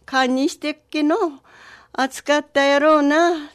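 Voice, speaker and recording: A lady doing a sweet old grandpa from the village, talks in folksy dialect, a bit higher and louder than her narration. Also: steady tone, a little slow. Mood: warm, delighted.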